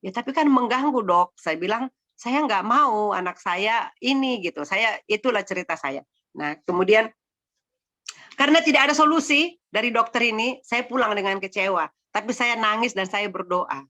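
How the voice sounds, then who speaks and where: A woman's voice: fairly high pitch, lively intonation, moderate pace, sharp tone. A middle-aged woman giving a personal faith testimony to a congregation, telling it in a chatty, emotional way with many fillers.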